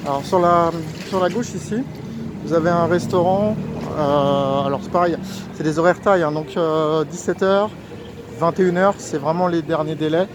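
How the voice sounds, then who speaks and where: High-voiced man talking through a face mask. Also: steady tone, normal speed. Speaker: vlogger, street food guide. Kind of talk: casual walking tour narration. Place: outdoors at a busy street market and station. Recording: outdoor street recording with clear traffic noise. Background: urban street noise, vehicles.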